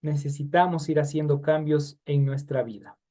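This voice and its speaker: A man's voice: a little high, level tone, normal speed, mellow. A man teaching a Bible study class in a conversational way, asking his students questions and addressing them by name.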